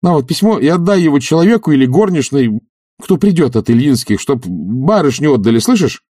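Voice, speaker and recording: A man doing an idle fretful gentleman, lively pitch, flares up sharply, mellow husky tone. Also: fairly quick, no echo, clean studio sound, recorded from a distance. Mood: exasperated. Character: idle, anxious young gentleman, easily exasperated.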